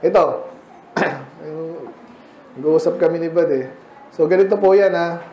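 A man's voice: a little high, fairly even intonation, slow pace, dark tone, roomy sound, a little hiss or hum. A man with a Filipino accent preaching a sermon in a church, in a casual, joking style with frequent asides. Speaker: pastor.

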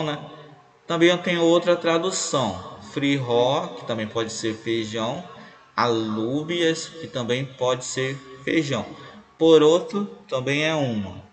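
A male language teacher going over quiz answers, explaining each word step by step and repeating terms aloud. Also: mid-range voice. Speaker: Spanish teacher.

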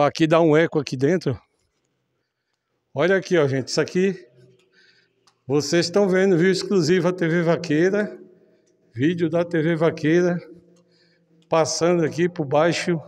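Brief: male reporter, fairly high voice, chatty, speaking to camera, tunnel echo. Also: fairly even intonation, moderate pace, long pauses, darkish tone. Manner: chatty, addresses viewers directly. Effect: echo of a concrete tunnel. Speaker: reporter presenting an online channel. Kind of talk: on-location video report. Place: inside a concrete tunnel under a canal.

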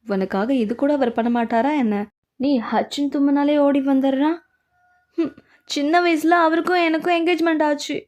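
A woman with a high, bright-pitched voice reads out a dramatized love story and performs all of its roles herself. Her line delivery is brisk and expressive. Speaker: voice actor reading all roles.

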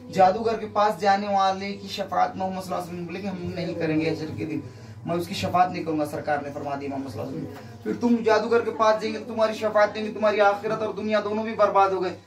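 A man, a faith healer, preaching and admonishing a gathered crowd in a commanding, repetitive way. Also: high-pitched. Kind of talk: exorcism session and sermon to a crowd. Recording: roomy, distant mic with crowd behind.

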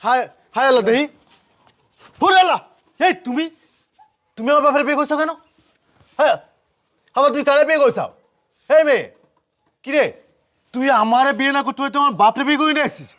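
Jilted young son played by a man, accusing and wailing, high and rapid, Bangladeshi colloquial accent. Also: a bit bright. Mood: indignant. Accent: Bangladeshi colloquial Bengali.

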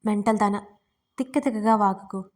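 A woman's voice: medium pitch, fairly even intonation, fairly quick, darkish tone, lightly acted. A woman reading a snappy, scolding young wife. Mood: irritated. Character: young newly married woman, sharp-tongued and fed up. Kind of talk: audiobook character reading.

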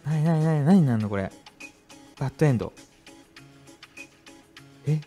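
A young man commentating a horror game, reading the text aloud and reacting with frequent high, loud panicked yelps. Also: lively intonation, normal speed, faint music behind. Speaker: virtual YouTuber streamer. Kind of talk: game let's play commentary.

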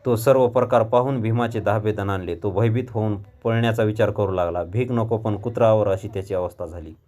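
A man narrating a short story aloud in a measured, expressive reading voice. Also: lowish voice.

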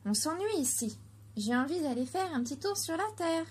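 A woman reading a storybook and voicing Perlette, a small, curious female water drop, in a light, lively way. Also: high-pitched, moderate pace, pitched above the performer's own voice. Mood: cheerful.

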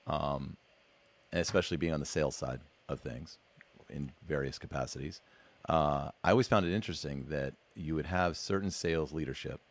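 A man hosting a podcast, chatting casually with a guest, relaxed and sometimes restarting his sentences. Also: very deep voice. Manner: relaxed, talks in lists, frequent restarts. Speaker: podcast host. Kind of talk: casual interview conversation.

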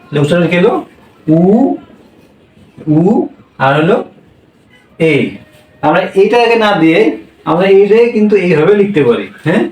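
A man's voice: sits high, animated, normal speed, long pauses, a little mellow, reverberant, distant mic, low-quality recording. A man teaching a language class, drilling sounds with repeated questions. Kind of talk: classroom lesson.

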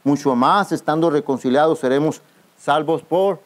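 Male pastor, slightly high voice, preaching to a youth camp and calling for answers from the crowd. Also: normal speed. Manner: calls out to the congregation for responses; keeps addressing listeners as brother. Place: outdoor youth camp gathering.

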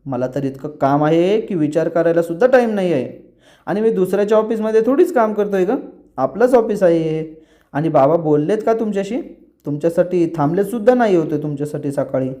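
A man's voice: high voice, expressive, brisk, mellow. A man doing a falsely cheerful young husband. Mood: forced cheer. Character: young husband hiding his troubles. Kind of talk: retelling a TV serial scene.

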